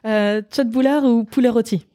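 A woman hosting a podcast, asking quick questions in a casual interview. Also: a little high, steady tone, mellow, no room sound, studio quality. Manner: brief prompts, frequent laughs. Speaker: podcast host.

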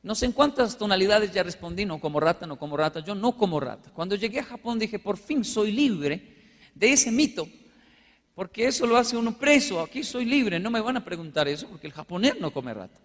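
Before a live audience in a big, echoing hall, a Colombian man of Japanese background delivers a funny motivational talk built on stories. His strikingly high voice moves fairly quickly, and he animatedly plays out brief dialogues, the long reverb of the room trailing behind.

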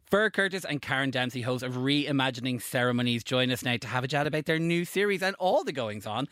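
A man's voice: mid-range voice, expressive, fast, fairly bright tone, dry recording, studio quality. A man with a Dublin accent, hosting a casual interview in an informal way with loosely hedged, meandering phrasing. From Dublin, Ireland. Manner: informal, hesitant phrasing with frequent "kind of". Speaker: podcast host.

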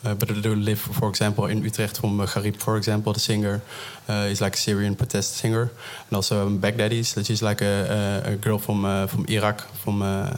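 A man's voice: on the low side, monotone, brisk, hardly any pauses. A man, a DJ and producer guest, talking casually and rambling with lots of fillers. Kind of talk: casual interview chat.

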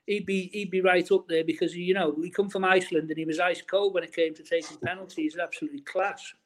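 Chatty ex-footballer, fairly high voice. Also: male voice, level tone, quick pace, fairly bright tone, slight background noise. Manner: chatty, many restarts and fillers. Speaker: interviewee, former footballer. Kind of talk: casual interview, reminiscing.

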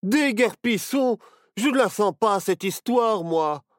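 A man's voice: mid-range voice, big pitch swings, slow pace, dry recording, studio quality. A man voicing a timid, hesitant young boy in a children's storybook, stammering and unsure. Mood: nervous.

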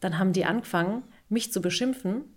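A chatty woman in her thirties co-hosting a relaxed podcast. She tells her stories with lots of back-and-forth and laughs often. Her voice sits at an ordinary middle pitch. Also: quick pace. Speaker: podcast co-host. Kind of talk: casual podcast chat.

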